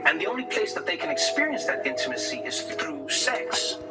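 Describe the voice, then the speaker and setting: Earnest man over loud music. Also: on the high side, very animated, fairly quick, echoey room, recorded from a distance. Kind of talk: earnest talk from a played clip.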